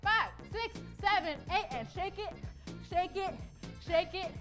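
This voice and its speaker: A young woman leading a Zumba workout, counting beats out loud with energetic, upbeat delivery. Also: very high voice, unhurried. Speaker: Zumba instructor. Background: dance music.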